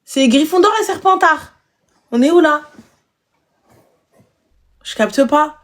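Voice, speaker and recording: A woman with a high voice hosting a casual live stream. She gives blunt advice in a mocking, animated way and fires off rhetorical questions. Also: takes it slowly.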